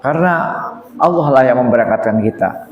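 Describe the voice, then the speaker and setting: A man preaching a sermon, talking straight to his listeners and climbing high when he acts out prayers. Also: animated, fairly quick, highs cut off. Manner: addresses listeners as "Pak", rises to high emotional pitch when acting out prayers. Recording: echoey hall.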